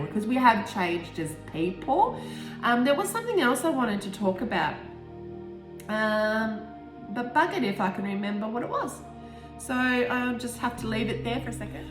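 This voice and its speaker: An author in her forties from Tasmania, Australia, with an Australian accent, reads and discusses her own book, reflecting casually and candidly while often rambling and interrupting herself. Her mid-range voice is sing-song at a moderate pace. The room has a roomy echo, with music playing behind her.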